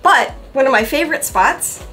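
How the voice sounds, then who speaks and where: Woman showing off the boat inside, kinda dry humor, music under it, a bit high. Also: animated, moderate pace, pushed and bright, low-quality recording. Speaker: boat owner giving a tour. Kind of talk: casual walkthrough vlog.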